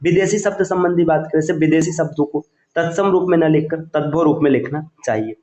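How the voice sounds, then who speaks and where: A man with a fairly high voice giving a patient exam-prep lecture, sounding out each example word slowly and checking in with his listeners. The room rings with a noticeable echo. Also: darkish tone. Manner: patient, repeats words aloud with "है ना" checks. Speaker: teacher. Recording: echoey room.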